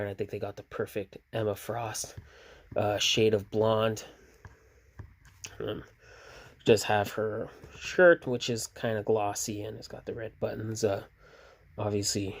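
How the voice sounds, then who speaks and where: A sleepy man casually reviewing action figures, relaxed and rambling with fillers and restarts. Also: medium pitch. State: sleepy, yawning.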